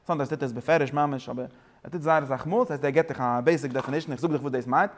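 Fast-talking man teaching a study lesson. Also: medium pitch. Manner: rapid, rambling explanation with English asides.

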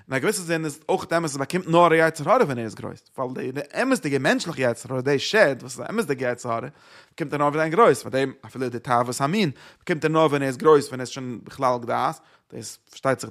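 A man teaching a religious lesson, explaining in loose, repeated phrases with rhetorical questions and many hesitant pauses. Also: mid-range voice, fairly bright tone. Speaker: Torah teacher. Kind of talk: religious lecture.

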